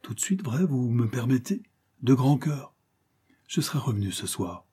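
A man voicing a poor, wistful old male miller, speaking softly and tenderly with a husky voice. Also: mid-range voice, animated, moderate pace, pitched above the performer's own voice. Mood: eager. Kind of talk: audiobook character reading.

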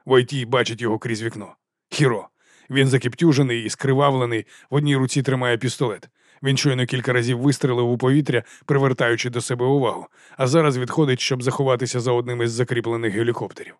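A man narrating an audiobook in an even, measured way. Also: medium pitch, no room sound, studio quality.

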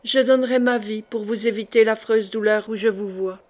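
A woman's voice: fairly high pitch, steady tone, normal speed, a little mellow, natural voice. Woman reading a tearful young friend. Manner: murmured.

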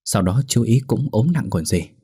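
A man's voice: on the low side, lively intonation, moderate pace, mellow, slightly rough, no room sound, clean studio sound. A man voicing a frightened middle-aged wife who talks anxiously and stammers.

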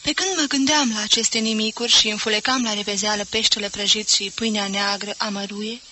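A woman reading a novel aloud as an audiobook, in measured, even storytelling. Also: mid-range voice, rough recording. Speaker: audiobook reader. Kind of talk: literary audiobook narration.

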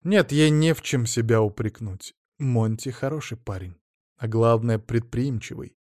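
Man, audiobook narrator, measured, expressive storytelling, dry studio sound. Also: medium pitch, dry recording. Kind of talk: scripted narration.

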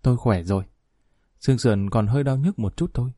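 A man voicing a calm, kind middle-aged female police chief in an audio story, speaking softly and reassuringly. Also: mid-range voice, fast talker, no room sound, studio quality, close to an everyday voice. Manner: soft-spoken, reassuring.

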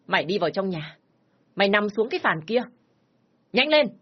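A woman's voice: medium pitch, big pitch swings, moderate pace, slightly rough, lo-fi sound, voice pushed up. Woman voicing a furious domineering old father. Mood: furious shouting. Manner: shouting, scolding harshly. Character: furious stern older village father, domineering.

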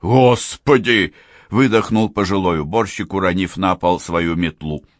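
A man narrating a crime thriller audiobook, telling the story in a lively way. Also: low voice, moderate pace, no room sound, clean studio sound. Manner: lively storytelling, voices many characters. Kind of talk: scripted narration.

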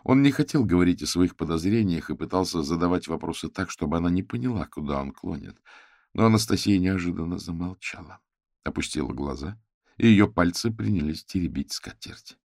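A man reads a novel aloud in a steady, measured way. His voice is very low and gravelly, recorded close and dry. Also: no room sound. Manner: measured storytelling. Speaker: audiobook narrator. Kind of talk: scripted narration.

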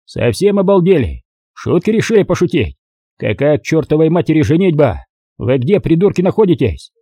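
A man voicing a gruff, exhausted, short-tempered male army commander who barks and swears, with a husky, dark voice. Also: medium pitch, big pitch swings, moderate pace, no room sound. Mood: yelling. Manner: barking, swearing, irritable.

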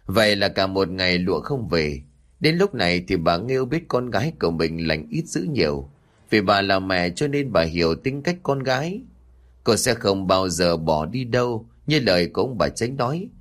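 Male storyteller for a horror tale: low voice, lively delivery, dramatic. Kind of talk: ghost story narration.

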